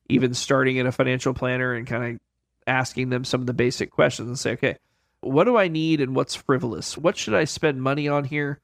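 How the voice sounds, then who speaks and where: A man's voice: medium pitch, gravelly, dry recording, studio quality. Plain-spoken financial advisor man. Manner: plain-spoken, folksy, repeats key points. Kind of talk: conversational expert explanation.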